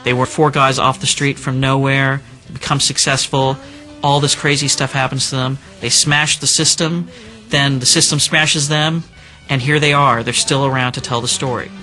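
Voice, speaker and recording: A man's voice: medium pitch, level tone, normal speed, sharp tone, soft background music, rough recording. A man in an interview, speaking emphatically as he sums things up. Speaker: commentator.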